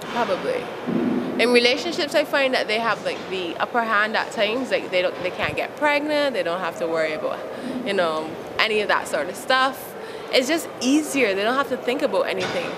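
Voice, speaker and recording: A woman's voice: mid-range voice, animated, normal speed. A young woman from Barbados with a Barbadian accent, speaking frankly and laughing often as she answers interview questions outdoors. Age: young adult. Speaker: interviewee, youth advocate. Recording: outdoor recording with traffic noise.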